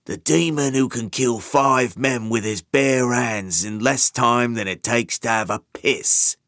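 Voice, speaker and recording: A man's voice: mid-range voice, a little slow, fairly bright tone, no echo. A man doing a dry, cold gang boss. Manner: dry, unimpressed tone.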